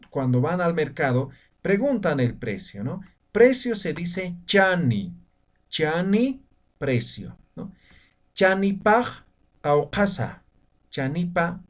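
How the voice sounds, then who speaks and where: A man's voice: fairly high pitch, distant mic. A man teaching a language lesson, patient and repetitive, often ending phrases with a questioning tag. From Bolivian altiplano. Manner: patient, repeats words and tags phrases with "¿no?". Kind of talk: slow video lesson.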